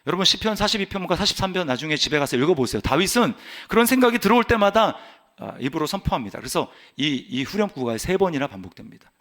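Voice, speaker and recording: Pastor guy preaching, high bright voice, keeps asking the crowd questions. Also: very animated, quick pace. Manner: preaching with emphatic declarations and rhetorical questions. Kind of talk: sermon.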